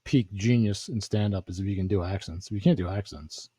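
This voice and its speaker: A man's voice: lowish voice, brisk, dark tone, breathy edge. A man in casual podcast chat, throwing in dry, wry asides.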